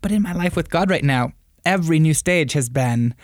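Earnest man, slightly higher voice, dry sound. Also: animated, normal speed, no room sound. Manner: earnest, self-deprecating, acts out his own inner dialogue. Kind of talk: casual faith conversation.

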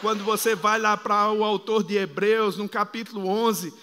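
High, bright-voiced fervent male preacher. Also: little pitch movement, moderate pace, slight background noise. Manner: fervent, calls the congregation to repeat phrases; builds to shouting. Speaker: apostle preaching. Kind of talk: sermon. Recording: long hall reverb.

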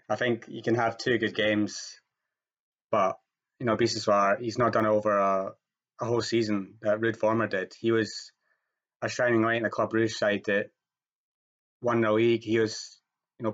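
A man co-hosting a podcast, giving measured, opinionated takes on football in a casual discussion. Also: on the low side, highs cut off. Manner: measured, opinionated, steady delivery. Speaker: podcast co-host, football pundit.

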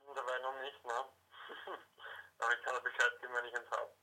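Man on a distant phone line, fast-talking, very bright tone, short easygoing replies. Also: medium pitch, level tone. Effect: over the phone. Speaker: phone caller. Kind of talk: casual phone chat.

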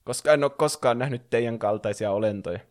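A man's voice: medium pitch, close to an everyday voice. A man voicing a young male dragon, polite and bewildered after falling from the sky. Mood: confused. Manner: grateful, bewildered.

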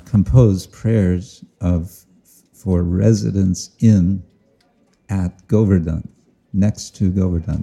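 A man giving a slow, reflective devotional talk outdoors to listeners, often chuckling and explaining Sanskrit and Bengali terms. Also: deep voice, vocal fry, dark tone, husky. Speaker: spiritual teacher. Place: outdoors with listeners, sun overhead.

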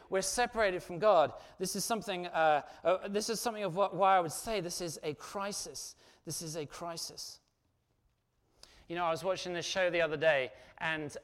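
Middle-aged male pastor, high-pitched voice, chatty animated sermon delivery with rhetorical questions. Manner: conversational, animated preaching with asides and rhetorical questions.

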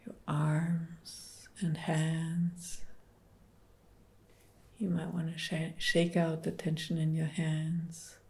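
A woman leading a guided relaxation meditation, speaking softly and partly in whispers. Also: low-pitched, monotone. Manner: soft, slow, soothing, partly whispered.

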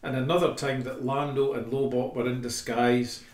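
A man's voice: mid-range voice, little pitch movement, moderate pace. A man co-hosting a casual podcast, animatedly recounting a comic story with laughs. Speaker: podcast co-host. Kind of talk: casual chat. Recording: roomy and distant from the mic.

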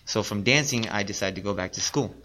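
Man, late thirties, low pitch, casual podcast guest, earnest, repetitive. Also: fast, bright, forceful tone, slight background noise. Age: 30s. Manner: rambling, earnest, repeats himself. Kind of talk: casual interview talk.

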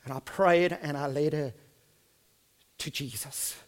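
With a high voice and a South African Afrikaans accent, this male pastor speaks slowly through a sermon built around personal storytelling. He's earnest, swinging from soft and hushed to loud and emphatic.

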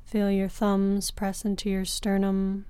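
A woman guides a breathing meditation as a yoga teacher, talking very slowly and softly with long pauses between phrases. Her voice is mellow and smooth. The recording is close and dry, with no room sound. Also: mid-range voice, completely flat delivery, no echo. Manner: slow, soft and soothing, with long pauses.

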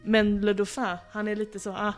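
Woman, playful storyteller, higher voice, casual chat, faint music behind. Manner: playful, acts out quoted figures, laughs often. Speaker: podcast host telling history.

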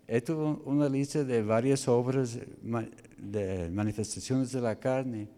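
A male preacher giving a sermon on a scripture passage, halting and spelling out Greek words letter by letter. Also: mid-range voice, steady tone, mellow.

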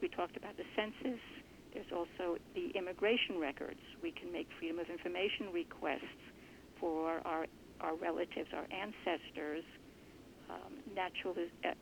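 A woman guest in an interview, explaining her family research earnestly and thoughtfully, with a gravelly voice. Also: fairly low pitch, a little hiss or hum. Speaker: genealogist guest. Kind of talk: conversational interview answers. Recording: muffled lo-fi recording.

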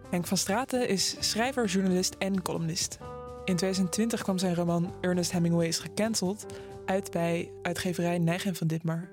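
A woman presenter reading a scripted podcast introduction in an even, measured manner. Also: fairly low pitch. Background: soft guitar music.

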